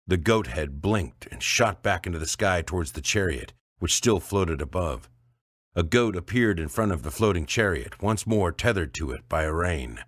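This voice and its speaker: A man narrating an audiobook in a dry, measured storytelling voice. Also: low-pitched, expressive, no echo.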